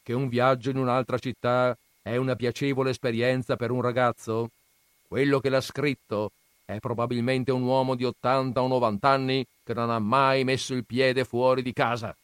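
A man's voice: medium pitch, flat delivery, normal speed, clear, resonant tone, dry recording, pitched above the performer's own voice, lightly acted. A man doing a blustering old grandfather. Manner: loud, raised, declaiming.

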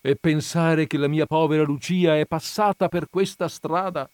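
A man's voice: medium pitch, measured pace, a little mellow, no echo, natural voice. A man voicing an outspoken, artless middle-aged peasant mother, in a dry recording. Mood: plaintive. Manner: plaintive, artless.

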